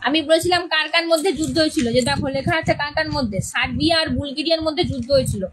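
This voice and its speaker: A woman's voice: sits high, very fast, fairly bright tone, a little hiss or hum, low-quality recording. A woman English teacher explaining a play's characters to students, repeating key words and often checking that they understand.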